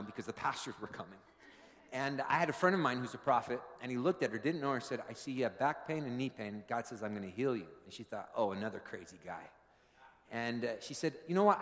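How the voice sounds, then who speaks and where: A male pastor telling stories from the pulpit and climbing into fervent, energetic preaching. His voice sits at a middle pitch and rings out with a long reverb in a large church sanctuary. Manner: animated, builds to fervent preaching. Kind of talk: sermon with storytelling.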